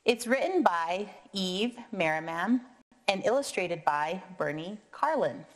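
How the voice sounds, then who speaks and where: An American woman in her thirties reading aloud to young children in a kindergarten teacher voice, counting deliberately and prompting with questions. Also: mid-range voice, lively intonation. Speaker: kindergarten and first grade math teacher. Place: indoor classroom or meeting room, seated at a table.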